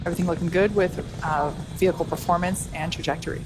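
Lowish-voiced woman commentating live. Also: steady tone, quick pace. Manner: explanatory, conversational. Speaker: launch webcast host. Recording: faint background noise.

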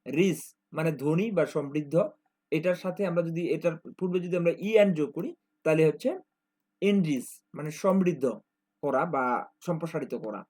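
A man with a slightly high voice and a Bangladeshi Bengali accent teaches an exam-prep grammar lesson. He works through examples one by one. He keeps stopping to ask whether his students follow. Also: normal speed, long pauses, mellow. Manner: explains step by step, checks in with "ঠিক আছে?" often.

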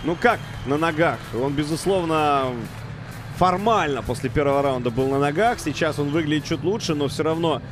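A man giving excited live commentary on a fight as a commentator. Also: fairly high pitch, normal speed, background noise. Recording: loud crowd behind commentary.

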